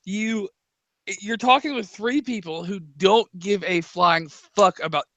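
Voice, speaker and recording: A man's voice: high voice, a little slow, a bit bright, no echo. A man co-hosting a casual podcast, blunt and crude, cutting in with jokes. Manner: crude, blunt, joking interruptions. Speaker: podcast co-host.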